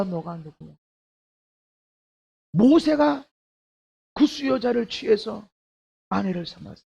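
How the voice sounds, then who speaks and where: Gravelly high-voiced preaching pastor. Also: male voice, dull audio. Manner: swings from hushed asides to shouted, high-pitched preaching. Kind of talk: sermon.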